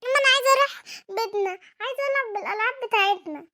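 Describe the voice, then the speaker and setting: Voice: very high voice, rapid-fire, pushed and bright, heavily acted. Performer doing a whiny little Egyptian girl. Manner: whiny, pleading. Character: sulky little village girl. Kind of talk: homemade family drama voice acting.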